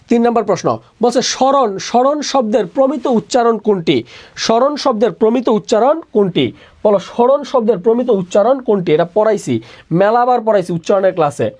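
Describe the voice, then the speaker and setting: A man's voice: high-pitched, darkish tone. Young male tutor, repetitive question-and-answer drilling, mixes in English words. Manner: repeats each question and answers it himself in a call-and-response drill. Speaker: admission test tutor. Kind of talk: online exam-prep lesson.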